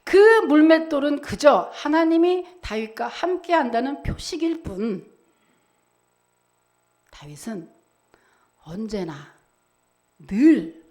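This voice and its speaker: A woman pastor preaches a Sunday sermon, swinging between loud emphatic bursts and quiet, intimate asides. Her voice sits high. She acts out mocking lines with theatrical flair. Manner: dramatic preaching, acting out mocking quotes. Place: church.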